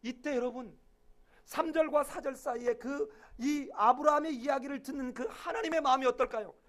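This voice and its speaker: A man preaching a sermon as pastor, acting out quoted voices with sudden loud outbursts and dropping to a murmur at the ends of phrases. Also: very high voice, a little fast.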